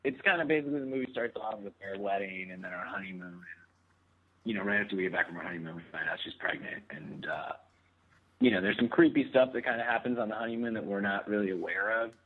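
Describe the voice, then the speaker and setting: A guest actor in his thirties talks casually in an interview, rambling with plenty of fillers and laughing easily. He is animated and fast, and his slightly low, husky voice comes through a thin, phone-like line.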